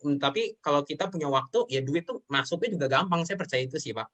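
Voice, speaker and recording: A young man appears as a show guest and speaks earnestly about his life and work, at times close to tears, often calling the listener "sir." His voice sits on the high side, animated and fast, with a fairly bright tone, in an emotional personal talk.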